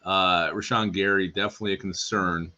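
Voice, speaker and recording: A man co-hosts a live sports chat, teasing his partner and reading out viewer comments. His voice sits low but sounds forceful. The audio is dull and lo-fi. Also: steady tone, a little fast. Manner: teasing, laughs often, reads viewer comments. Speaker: sports podcast co-host.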